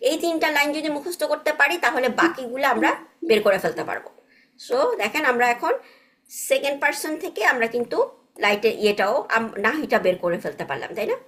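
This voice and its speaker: A woman's voice: on the high side, expressive, quick pace, a bit bright. A woman teaching Arabic grammar in an online class, patiently checking understanding with frequent tag questions and mixing English words into her explanations.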